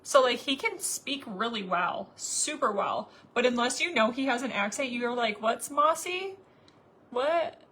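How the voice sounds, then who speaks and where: A woman's voice: a little high, moderate pace, hardly any pauses, a bit bright, husky. A woman in her thirties chatting casually to viewers while doing her makeup, rambling with lots of fillers. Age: 30s. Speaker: makeup vlogger.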